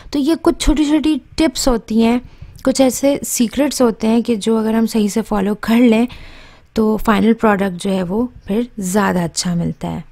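A woman's voice: a little high, a little mellow. A woman, narrating a cooking tutorial as channel host and explaining tips step by step.

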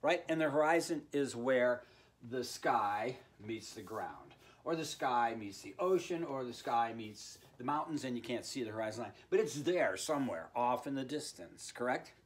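An older man in his sixties with a mid-pitched voice teaches drawing in an informal, playful way. He talks like a folksy art teacher addressing kids, tossing in sound effects as he works. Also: expressive, moderate pace. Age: 60s. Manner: playful, folksy, with sound words like boom and bing-bang. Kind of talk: informal instructional talk while drawing. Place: indoor room with art on the wall.

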